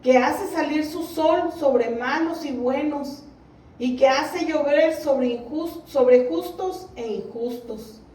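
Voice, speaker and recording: High-voiced woman preaching in a roomy hall. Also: takes it slowly, dark tone. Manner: earnest, exhorting the congregation. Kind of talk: sermon. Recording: roomy, distant mic.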